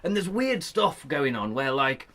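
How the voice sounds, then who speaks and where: A man's voice: fairly high pitch, sing-song, unhurried, sharp tone. A man co-hosting a casual car news chat in a shed, joking and reading a press release aloud. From United Kingdom. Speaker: podcast co-host.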